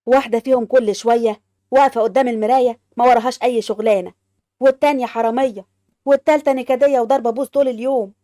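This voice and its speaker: A woman's voice: on the high side, steady tone, racing, dark tone, dry recording, clean studio sound, lightly acted. A woman with an Egyptian accent voicing a bossy, scolding old mother-in-law who grumbles and accuses. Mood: bitter. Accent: Egyptian Arabic.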